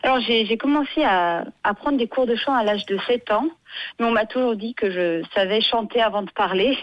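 Contralto woman, singer guest on radio, halting delivery, dry dull line. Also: fairly high pitch, dry recording. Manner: hesitant, many restarts and fillers. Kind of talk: radio interview.

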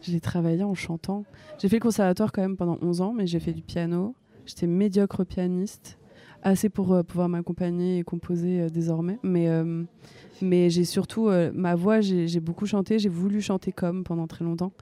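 Speaking at normal speed with little pitch movement, a young French woman with a lowish voice chats casually in an interview about her work as a singer-songwriter. She comes across soft-spoken and tentative, often pausing on fillers and starting over.

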